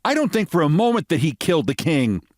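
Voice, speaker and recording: A man's voice: fairly high pitch, sing-song, fast talker, no room sound, studio quality, pitched above the performer's own voice. A man reading a humorous short story, voicing a chatty, emphatic, opinionated woman. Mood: decisive, indignant. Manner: emphatic, gossipy, matter-of-fact certainty. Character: opinionated, chatty American woman, avid detective-story fan.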